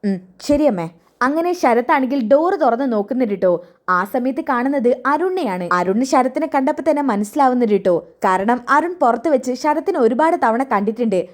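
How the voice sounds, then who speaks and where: Woman chatting through a soap episode, kinda high voice. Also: expressive, brisk. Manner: chatty, ends lines with tag particles. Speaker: serial episode narrator. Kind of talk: retelling a TV serial episode, voicing all parts.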